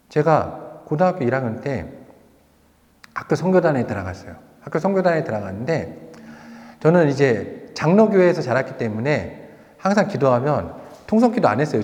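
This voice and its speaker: A male pastor preaching a sermon, telling a personal story with lively rhetorical questions, then leading a prayer. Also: mid-range voice, big-room sound. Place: church sanctuary.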